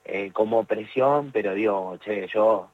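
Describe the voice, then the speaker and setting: A young jiu-jitsu competitor from Tierra del Fuego, Argentina, speaks with an Argentine Spanish accent as he answers interview questions about his sport. His voice is fairly low and slow, hesitant and full of fillers and restarts. The sound is dry with no echo and has a phone-quality tone.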